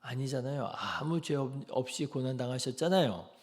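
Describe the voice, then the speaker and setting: A man preaching an early-morning sermon as pastor, asking the congregation rhetorical questions and dropping softly into quoted prayers. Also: mid-range voice, animated, moderate pace.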